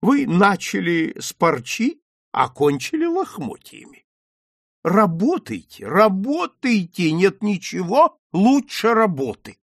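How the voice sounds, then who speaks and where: A blustering old admiral lectures a young man in high, emphatic bursts, as a male audiobook narrator puts him on. The voice is husky and swoops widely in pitch. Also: big pitch swings, slow pace, dry recording, clean studio sound, exaggerated voice. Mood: lecturing.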